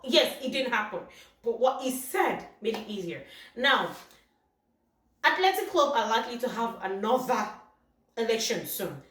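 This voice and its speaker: A woman's voice: a little high, a bit bright. Football vlogger, woman, upset, repeats herself; echoey room, off-mic. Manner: upset, exasperated, repetitive. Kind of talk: casual vlog commentary. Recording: echoey room heard from a distance.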